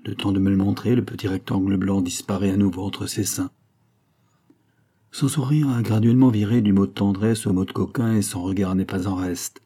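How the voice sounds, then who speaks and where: Male narrator, low and husky, calm measured novel reading. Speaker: audiobook narrator. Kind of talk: scripted first-person novel narration.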